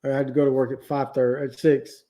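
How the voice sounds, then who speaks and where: A tired man chatting casually as co-host of a livestream, easygoing and quick with a "yep". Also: medium pitch, level tone, over a noisy crowd. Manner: easygoing, says yep a lot. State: tired, yawning. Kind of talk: casual chat.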